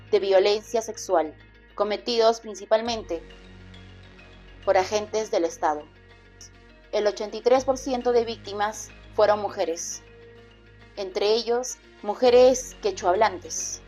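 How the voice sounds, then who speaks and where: A woman's voice: mid-range voice, a little mellow. Solemn woman narrating a documentary. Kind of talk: scripted narration.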